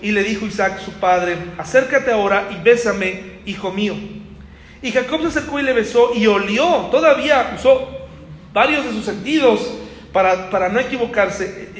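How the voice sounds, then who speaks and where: A man's voice: high-pitched, normal speed, fairly bright tone. A man preaching a sermon as a pastor, talking conversationally and asking the congregation rhetorical questions. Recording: echoey hall.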